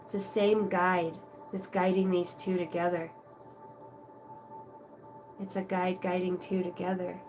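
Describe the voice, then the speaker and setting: Over faint background music, a woman with a lowish voice and flat delivery gives a live tarot reading, unhurried and pausing often. Her talk rambles casually, with plenty of fillers and occasional mild swearing.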